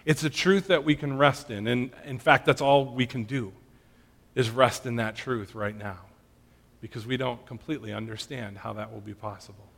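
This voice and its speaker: A man's voice: mid-range voice, fairly even intonation, normal speed, creaky, a bit bright. A man giving an earnest sermon that answers questions, often checking in with his listeners. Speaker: pastor. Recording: long hall reverb.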